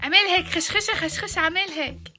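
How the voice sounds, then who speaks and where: Very high, bright-voiced mother. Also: quick pace, faint music behind. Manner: playful, cooing baby talk to her son. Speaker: mother and family vlogger. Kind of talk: casual family vlog chat.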